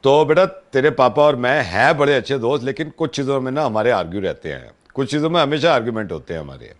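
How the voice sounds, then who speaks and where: A man's voice: medium pitch, lively intonation, fast. A middle-aged man making a prank phone call, posing as a family friend, earnest at first and then teasing, his voice climbing as he gets worked up. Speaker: radio prank caller.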